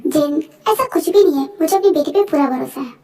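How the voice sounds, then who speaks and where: A woman's voice: sits high, quick pace, darkish tone, distant mic. A woman voicing a protective, hot-tempered middle-aged father in a fan voice-over drama. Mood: calm. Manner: stern, protective.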